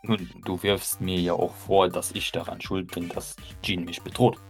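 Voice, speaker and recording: A man's voice: deep voice, level tone, moderate pace, faint music behind. Stammering, defensive man in role-play. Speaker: player. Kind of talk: tabletop role-play in character.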